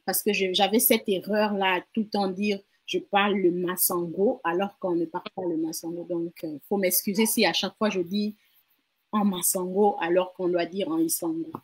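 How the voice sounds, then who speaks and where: A woman's voice: lowish voice, fairly even intonation, moderate pace, husky. A woman learning a language from her mother in a casual lesson, repeating words carefully and laughing at herself. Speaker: learner and co-host.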